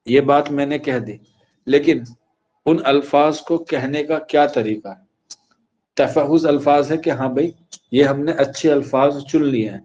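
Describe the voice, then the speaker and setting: A man from India teaching an exam prep lecture, repeating key phrases slowly so students can write them down. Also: medium pitch, darkish tone, dull audio.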